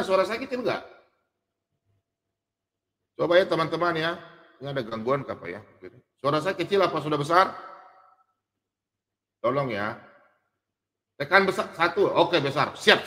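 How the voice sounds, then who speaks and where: A man leads a casual Bible lesson with a bright, lively voice that jumps around a lot. He jokes at his own expense and slows right down to read scripture. The sound carries a long, hall-like reverb. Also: fairly high pitch. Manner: animated, joking, self-mocking; reads verses slowly, drawn out. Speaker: Bible teacher. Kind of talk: casual online Bible teaching. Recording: echoey room with long reverb.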